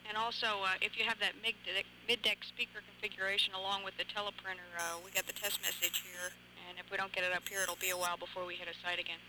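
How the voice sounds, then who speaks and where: Fast-talking woman on noisy space radio. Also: medium pitch, flat delivery. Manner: brisk, businesslike. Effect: two-way radio. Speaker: mission control capsule communicator. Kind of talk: procedural radio communication.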